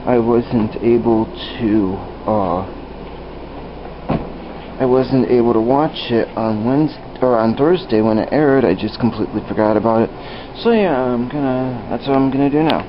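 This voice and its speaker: A man's voice: mid-range voice, normal speed. A man casually rambling through a home video vlog with easygoing restarts, recorded as old camcorder audio. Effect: old camcorder audio, dull and hissy. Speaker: vlogger. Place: his house, indoors and out front. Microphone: built-in camcorder mic, handheld. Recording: hissy lo-fi old camcorder sound.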